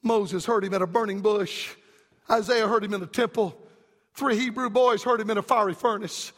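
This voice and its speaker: Preacher man, really high gravelly voice, big echoey hall. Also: steady tone, moderate pace. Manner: emphatic Southern preaching cadence, rising to shouts. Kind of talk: fiery revival sermon.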